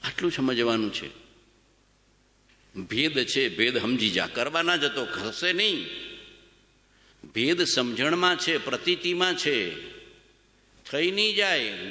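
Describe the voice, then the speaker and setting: A man giving a devotional sermon, repeating phrases in a chanting rhythm and swinging between emphatic high lines and soft low ones. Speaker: spiritual discourse speaker. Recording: long hall reverb.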